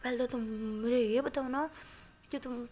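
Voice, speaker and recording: A woman's voice: high-pitched, fairly even intonation, moderate pace, a little mellow, slight background noise, lightly acted. A woman voicing a playful young college woman who bickers and pouts in a told love story. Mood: bickering. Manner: pouty, dramatic, bickering. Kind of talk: storytelling with acted dialogue.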